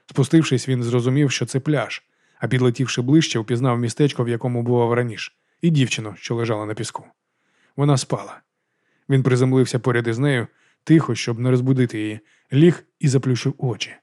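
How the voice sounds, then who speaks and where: A man reading a novel aloud as an audiobook narrator, in brisk, even storytelling. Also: mid-range voice, no room sound, studio quality.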